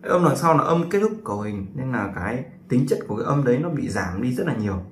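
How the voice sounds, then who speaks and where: A man teaching English pronunciation in a casual spoken lesson, talking with many drawn-out fillers and repeating himself. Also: medium pitch, very animated. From Vietnam. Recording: echoey room with faint noise.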